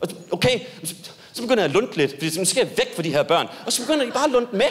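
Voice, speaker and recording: On stage, a young man performs a stand-up comedy set, spinning a story with lively delivery and bursts of sudden high yelps.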